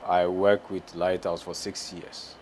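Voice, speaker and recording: A man's voice: sits low, level tone, slow pace, darkish tone, a little hiss or hum. A man in his thirties, a former missionary pastor, giving plain facts in an interview. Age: 30s. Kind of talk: testimony interview.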